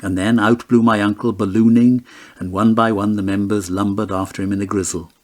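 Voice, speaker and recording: Low-voiced man reading a story aloud. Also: little pitch movement, brisk. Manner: lyrical, storytelling. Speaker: audiobook narrator. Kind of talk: audiobook narration.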